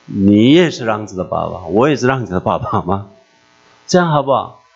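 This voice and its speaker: A man voicing God as a gentle, fatherly figure who coaxes and repeats himself patiently, recorded dull and lo-fi with a mains hum. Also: fairly low pitch, sing-song, fairly quick, gravelly, voice pushed down, full character voice. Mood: coaxing. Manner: coaxing, repeating itself patiently.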